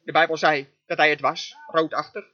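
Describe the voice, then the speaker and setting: A man's voice: a little high, little pitch movement, normal speed, pushed and bright, muffled recording. A man giving a sermon as a dubbed voice-over, emphatic and full of amens. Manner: emphatic preaching, frequent amens. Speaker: sermon interpreter.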